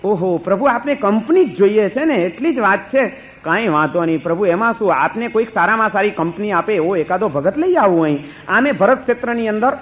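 A man's voice: high voice, animated, fairly quick, lo-fi sound. A man voicing an eager, devoted male sage who reassures and pleads with his lord in a told story.

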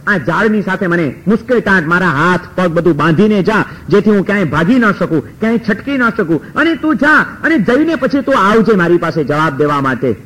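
Guy telling a story doing a calm wise sage, measured and reassuring, high voice. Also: breathy edge, heavily acted, low-quality recording. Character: wise calm male sage, clever and kindly.

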